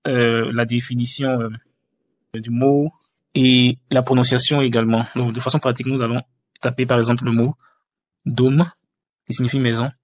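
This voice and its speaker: Male tutor walking through a screen tutorial, halting with fillers, mid pitch, dry room. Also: dry recording. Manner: hesitant, many fillers and restarts. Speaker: language teacher.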